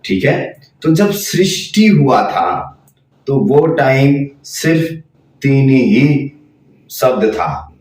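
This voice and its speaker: A man teaches a spiritual lesson, stopping to demonstrate chanted sounds as he goes. He speaks very slowly and keeps repeating points, at a middle pitch. His voice sits back from the mic in a strongly echoing room. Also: expressive, darkish tone, recorded from a distance. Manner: slow, repetitive explaining, demonstrating chanted sounds. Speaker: tantra teacher.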